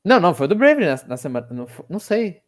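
A young man with a Brazilian accent and a slightly high voice hosts a casual discussion podcast. He talks in a halting way, often doubling back on his words. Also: sing-song. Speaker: podcast host.

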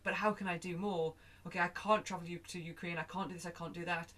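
A woman's voice: lowish voice, steady tone, fast talker, fairly bright tone. A woman, speaking as a guest in a reflective conversation, thinking aloud with restarts and quoted asides. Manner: acts out her own thoughts in quoted asides.

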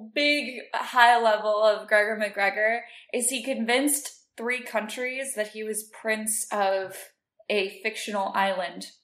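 Woman co-host, casual and chatty, laughs a lot; higher voice, roomy recording. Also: fairly bright tone. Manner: chatty, laughs often, explains facts. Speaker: podcast co-host. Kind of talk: casual chat. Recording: roomy echo.

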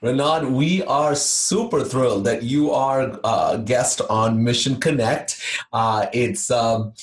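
This male co-host speaks slowly at a medium pitch. He's recording a ministry podcast conversation from an office in Toronto, staying cheerful and talkative while often restarting and using fillers.

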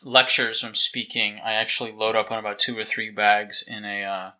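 American chiropractor guy on a podcast, really bright sharp voice, rambly and wry. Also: lowish voice, flat delivery, normal speed, low-quality recording. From United States, near Boston. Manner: talkative, self-correcting, wry. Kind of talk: casual podcast chat.

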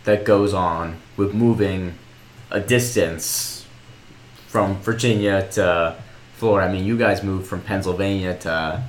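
Man, young adult, podcast co-host, low voice, roomy echo, relaxed rambling chat. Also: unhurried, slight background noise. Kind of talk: casual chat.

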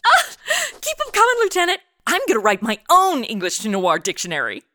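A breezy, sassy young amateur detective in an audio comedy. Her voice is high and bright, leaping all over in pitch with slangy, chatty delivery. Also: wildly swooping pitch, fairly quick, no echo, studio quality, exaggerated voice. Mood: flippant, amused. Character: flippant, breezy modern young woman playing amateur sleuth. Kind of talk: comedic radio drama acting.

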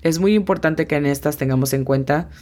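A woman's voice: deep voice, darkish tone. A woman teaching English vocabulary, spelling out each word sound by sound. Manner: slow, spells words out sound by sound. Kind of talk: language lesson.

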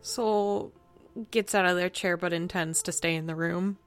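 A woman's voice: lowish voice, steady tone, a little slow. A woman talking casually in role-play as a player in a tabletop game. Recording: music playing behind the voice.

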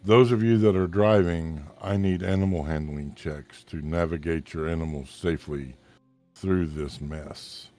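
A man running a tabletop game as game master, narrating events in a calm, measured way. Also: sits low, faint music behind.

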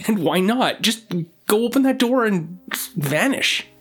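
A woman's voice: medium pitch, a little slow, slightly rough. A woman playing a sarcastic tinkerer. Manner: sarcastic, deadpan. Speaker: voice actor in an audio drama. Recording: faint music underneath.

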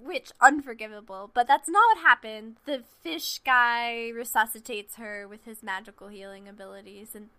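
A woman co-hosting a casual film-discussion podcast, gushing and animated as she retells a story. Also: on the high side, normal speed, few pauses, clear, resonant tone. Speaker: podcast co-host.

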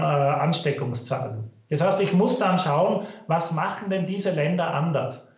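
Man over a muffled, echoey stream. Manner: thoughtful, weighs options carefully. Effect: low-quality online stream audio. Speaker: finance professor guest. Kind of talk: measured expert interview answers.

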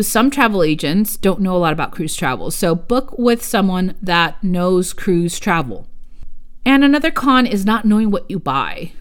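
A chatty woman with a clean, lowish voice hosts a casual solo travel podcast. She's from the United States, speaks Spanish as her first language, and works as a travel agent. She calls her listeners "you guys" and tends to wander off on tangents.

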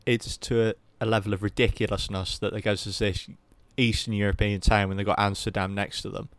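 Low, smooth-voiced man chatting films. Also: flat delivery, brisk, no room sound. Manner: candid, rambling, swears casually. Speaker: podcast co-host. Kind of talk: casual film review chat.

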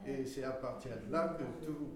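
A man giving a measured, informal explanation during a group discussion. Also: mid-range voice, over a noisy crowd. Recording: very echoey room, faint noise.

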